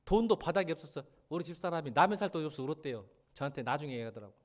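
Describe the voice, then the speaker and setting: Male pastor, high and very animated voice, emotional sermon delivery in church. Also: rapid-fire. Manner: emotional preaching, swinging between loud pleas and soft confiding asides. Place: church sanctuary.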